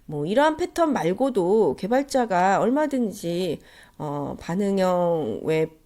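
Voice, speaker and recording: A woman's voice: lowish voice, very animated, takes it slowly, dark tone. A woman lecturer with a nasal, stuffed-up cold voice, giving a polite, explanatory lesson. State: congested with a cold. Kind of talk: instructional slide lecture.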